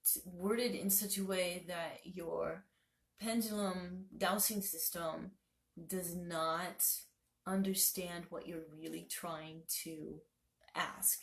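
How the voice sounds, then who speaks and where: A woman's voice: lowish voice, steady tone, slow pace, creaky, echoey room. A woman talking casually to camera as a spiritual vlogger, rambling and correcting herself, with many fillers.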